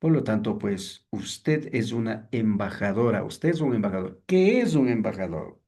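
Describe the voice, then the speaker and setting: A man's voice: fairly low pitch, big pitch swings, moderate pace, dark tone. A man teaching an evening seminary class, talking conversationally, asking the students rhetorical questions and acting out sample greetings from the pulpit. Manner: acts out sample preacher greetings to show mistakes.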